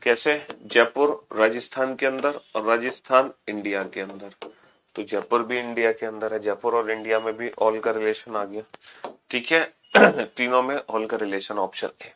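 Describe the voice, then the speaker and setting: A man's voice: on the low side, fairly even intonation, normal speed, bright, forceful tone, slight background noise. A man teaching a class, explaining step by step, repeating each point and often calling his students "beta". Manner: repeats points, addresses students as beta, mixes English phrases. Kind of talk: classroom lecture.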